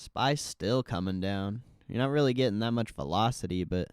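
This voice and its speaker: A man's voice: on the low side, normal speed, clean tone, no echo, clean studio sound. A man livestreaming as a trading host, chatting casually and offhandedly with slangy market commentary and mild swearing.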